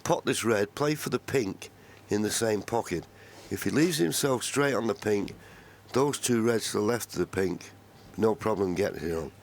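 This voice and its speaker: Gravelly, very low male snooker commentator. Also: normal speed, few pauses. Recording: faint live arena noise.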